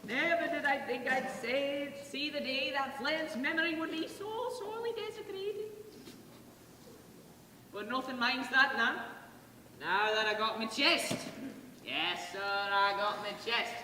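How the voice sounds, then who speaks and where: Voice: high-pitched, measured pace, pushed and bright, slight background noise. A stage performer playing a boastful, blustering old pirate sea dog with salty dialect. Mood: gruff, threatening. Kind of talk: stage theatre acting. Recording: echoey theatre hall, distant mic, music.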